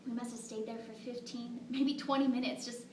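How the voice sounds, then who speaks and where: A woman performing as a fond young mother in a stage monologue. She has a fairly high voice and chats to her listeners as she tells her story, heard across an echoing room. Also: fairly even intonation, a little fast, natural voice. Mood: wistful wonder. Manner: conversational storytelling, rhetorical asides to listeners. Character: devoted young mother fondly recalling her daughter. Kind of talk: dramatic monologue performed at a competition. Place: echoing room, recorded from a distance. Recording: roomy, distant mic with faint noise.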